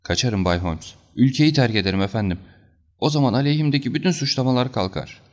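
A man's voice: medium pitch, lively intonation, quick pace, lo-fi sound, pitched above the performer's own voice, lightly acted. A man playing a frantic, begging thief. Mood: desperate. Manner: desperate, pleading, frantic. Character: panicked young male thief, begging and pleading.

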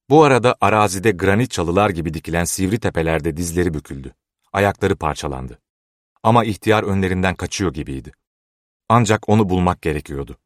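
Deep-voiced man narrating a novel. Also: no echo, clean studio sound. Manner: measured, even storytelling. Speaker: audiobook narrator. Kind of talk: scripted narration.

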